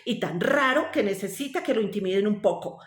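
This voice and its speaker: A woman's voice: mid-range voice, expressive, fairly quick, lightly acted. A woman voicing a spiteful male bully duck who talks mockingly, recorded in a roomy space. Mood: sneering. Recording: roomy echo.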